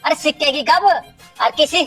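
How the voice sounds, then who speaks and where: A teasing village husband who bickers with and mocks his wife, in a high, bright, sharp voice from the woman acting him out. His jabs come quickly, and light music plays under the scene. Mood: mocking. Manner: mocking, bickering. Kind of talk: comedy skit acting.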